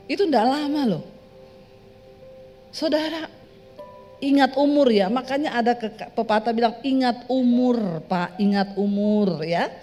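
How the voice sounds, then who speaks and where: A woman pastor preaching a sermon in a lively, joking way, speaking straight to her congregation. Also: sits high. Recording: reverberant hall with soft music.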